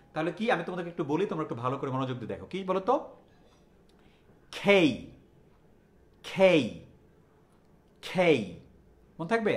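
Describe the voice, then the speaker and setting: High-voiced teacher drilling pronunciation, echoey room. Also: male voice. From Bangladesh. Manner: drills pronunciation by repetition, quizzing students. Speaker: English teacher. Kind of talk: classroom lesson.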